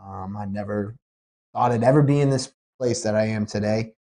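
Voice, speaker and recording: Still sniffly from a cold, this man, an MMA promoter, talks on a podcast in a casual, excitable, rambling way with lots of restarts. His voice is lowish and his pace moderate.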